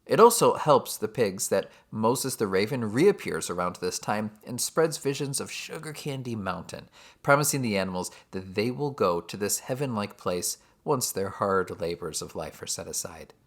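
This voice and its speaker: A man's voice: fairly low pitch, animated, moderate pace. Wry man narrating a book summary. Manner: wry, sardonic asides. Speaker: literature teacher.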